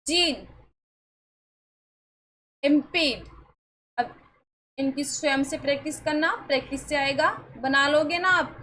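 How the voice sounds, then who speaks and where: A woman's voice: high voice, slow pace, long pauses, sharp tone, slight background noise, poor audio. A woman teaching English pronunciation in an online class, asking the students questions and then answering them herself in a coaxing, reassuring way.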